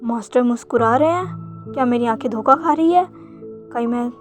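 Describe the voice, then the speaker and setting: A woman voicing a cheeky young male disciple in a fanfic story retelling, full of teasing, quick retorts. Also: a little high, faint music behind, natural voice.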